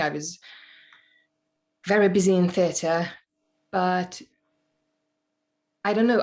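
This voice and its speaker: A woman with a low, darkish voice speaks thoughtfully, searching for words. She's a Hungarian actor whose first language is Hungarian, chatting casually as a guest on a podcast interview.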